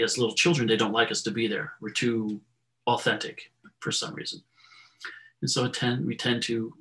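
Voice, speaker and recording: A man teaching and guiding meditation as an instructor, in a voice with a gravelly edge. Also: medium pitch, sharp tone, poor audio.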